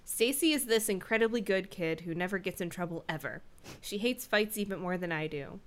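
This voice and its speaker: A woman's voice: mid-range voice, brisk. A woman co-hosting a podcast, reading a children's book aloud in a jokey way with playful asides. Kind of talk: casual chat and reading aloud.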